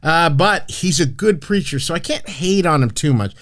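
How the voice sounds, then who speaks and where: A man's voice: a little high, lively intonation, normal speed, fairly bright tone. A man hosting a casual podcast, brash and profane, rambling with frequent restarts and fillers. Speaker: podcast host.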